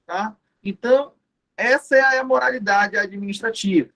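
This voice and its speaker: A man's voice: high-pitched, moderate pace, vocal fry, pushed and bright. A man giving an exam-prep law lecture, explaining step by step, repeating key terms and answering his own questions. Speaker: law teacher.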